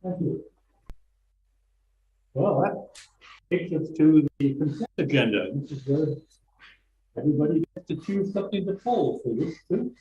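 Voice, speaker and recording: A man's voice: a little high, big pitch swings, a little slow, long pauses, warm tone. Man muffled as if inside a fishbowl. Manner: procedural, plainly worded. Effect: muffled, like speaking inside a fishbowl. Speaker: board chair. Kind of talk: chairing a board meeting. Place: boardroom. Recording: muffled echoey boardroom audio, faint noise.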